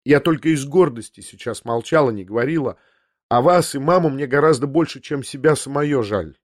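A man voicing a quiet, proud young woman, the tearful sister in an audiobook, speaking softly and low. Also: a little fast, dry recording, clean studio sound, natural voice. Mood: quiet, sad. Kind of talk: audiobook character voice.

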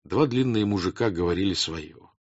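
A man narrating a classic novel as an audiobook in a measured, expressive reading. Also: lowish voice, no room sound. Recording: dull lo-fi dry audiobook recording.

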